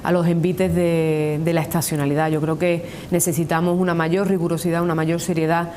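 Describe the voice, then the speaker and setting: A woman's voice: flat delivery, brisk, a little mellow. A woman with an Andalusian accent giving earnest, long-winded answers in a formal political interview as a union representative, repeating points for emphasis. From Andalusia, Spain. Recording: noisy with low rumble.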